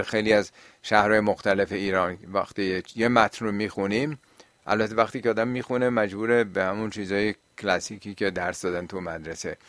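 A man's voice: lowish voice, a bit bright, no room sound. A man teaching and answering listeners' questions on religion, explaining at length and often asking rhetorical questions.

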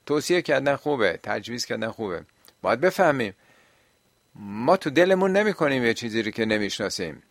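A man's voice: mid-range voice, big pitch swings, vocal fry, dry recording. A man teaching and answering listeners' questions on religion, explaining at length and often asking rhetorical questions.

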